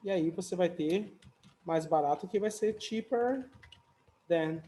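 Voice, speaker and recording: A man's voice: high voice, slow pace, mellow. A man teaching English comparatives in a casual, chatty video lesson, often adding little tag questions and light jokes.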